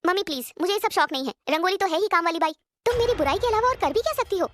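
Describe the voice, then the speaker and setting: A dismissive, arrogant young woman from a rich family in an animated drama, as a woman acts her. The voice is very high and quick. It is rude and unbothered in tone. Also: no room sound. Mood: defiant.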